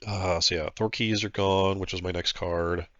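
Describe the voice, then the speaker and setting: Getting over a flu, a man with a congested, nasal, stuffed-up voice casually narrates his own tabletop battle as a player, thinking aloud and hesitating with plenty of fillers. He has a low voice, a steady tone, a fairly bright tone, and a moderate pace. The recording is muffled but has no echo.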